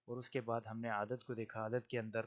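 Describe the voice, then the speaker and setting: A man teaching Arabic grammar in an online lesson, explaining patiently and slowly drilling pairs of words. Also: mid-range voice, little pitch movement. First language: Urdu.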